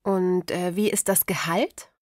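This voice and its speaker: A woman playing a polite, interested job applicant in a language-course dialogue, articulating clearly. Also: on the low side, steady tone, a little slow, a little mellow, no echo, studio quality, natural voice.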